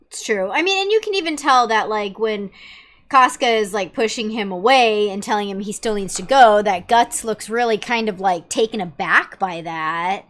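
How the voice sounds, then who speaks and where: A woman's voice: medium pitch, expressive, normal speed, fairly bright tone. A woman co-hosting a casual anime review chat, eagerly chiming in. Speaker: co-host.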